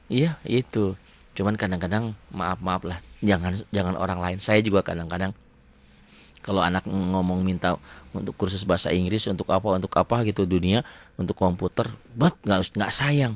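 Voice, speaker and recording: A middle-aged man, teaching Quran reading in a casual lesson, moving between quiet asides and loud drawn-out recitation. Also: mid-range voice.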